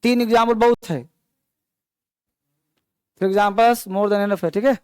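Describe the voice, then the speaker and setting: A man's voice: sits high, steady tone, takes it slowly, darkish tone, clean tone, dry recording. A man teaching an online English grammar class, explaining patiently and mixing with English words. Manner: patient explaining, mixing Hindi and English, calls students beta and babu.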